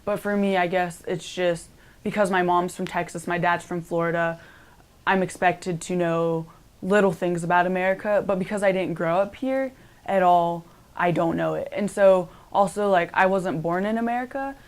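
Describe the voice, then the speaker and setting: A young college-age woman talks through her interview answers in a relaxed, chatty way. She keeps dropping in "like" and "um" as she thinks aloud. Her voice sits a bit low for a woman. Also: moderate pace. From Cambodia. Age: young adult. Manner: chatty, many "like" and "um" fillers.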